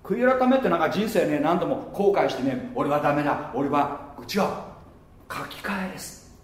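A man preaching a sermon as pastor, lively and playful, slipping into muttered mocking asides. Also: high-pitched, moderate pace, reverberant. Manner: lively, mutters mocking asides and laughs at his own jokes.

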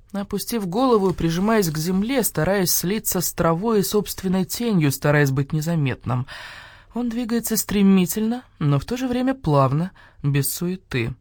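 A woman's voice: mid-range voice, a little mellow, dry recording. A woman narrating a children's audiobook with dramatic, suspenseful reading on a close mic. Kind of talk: expressive scripted narration for children.

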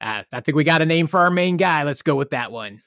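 A man's voice: on the high side, animated, quick pace, fairly bright tone, no echo, clean studio sound. A man co-hosting a casual movie podcast, wryly steering the talk. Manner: wry, steers the conversation. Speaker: podcast co-host. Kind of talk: casual chat.

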